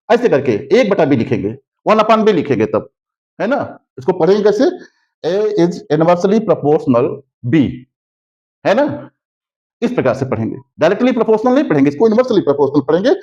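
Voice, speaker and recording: A man with a Hindi accent teaches a classroom physics lesson in a high, animated voice that swoops up and down. He keeps checking with his students and drags out key terms slowly. The audio is slightly dull and lo-fi. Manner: repetitive, constantly asks "है ना?" checking understanding; slows down to spell out key terms.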